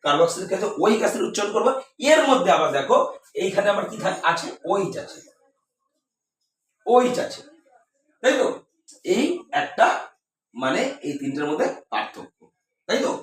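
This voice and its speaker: High-voiced teacher in an echoey room. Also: male voice, expressive, moderate pace, pauses often, far from the mic. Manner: repetitive, asks questions and answers them himself. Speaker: chemistry teacher. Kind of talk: classroom lesson at a board.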